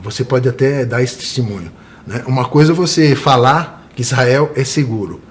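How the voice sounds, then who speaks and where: A man's voice: mid-range voice, moderate pace. A man from Brazil, a tour guide, speaking earnestly as an interview guest and often adding tag questions.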